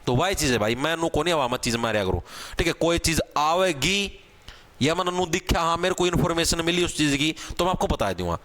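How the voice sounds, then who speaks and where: A man teaching an exam-prep grammar class, casual, asking questions and answering them himself, sounding out letters slowly. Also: a little high, expressive, fairly bright tone. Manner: spells out sounds slowly, one at a time. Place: online class video.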